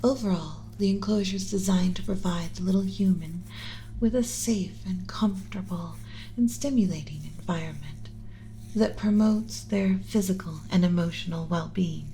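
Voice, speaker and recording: In an ASMR roleplay, a woman plays a tender alien mother caring for her human pet, speaking deliberately in a calm, clinical yet comforting way. Her mid-range voice, close to an everyday voice, is soft, dark and relaxed, often slipping into a breathy whisper. She sits close to the mic on a low-quality recording with a faint bed of background noise.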